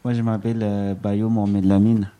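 A male student from Guinea introduces himself in a halting way. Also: lowish voice, level tone, highs cut off.

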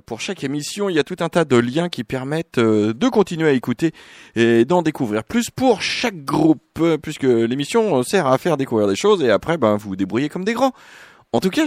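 A male radio host talks casually into a studio microphone, joking and hesitating with frequent fillers. His voice rises and dips with lively swings of pitch, sitting a little high for a man. The sound is close and dry, with faint music behind him. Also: no echo.

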